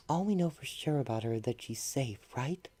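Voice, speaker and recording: A man voicing a gentle, anxious young mother in a comic-book radio play, soft, breathy and earnest. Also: mid-range voice, animated, a little slow, no echo, voice pushed up. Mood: troubled.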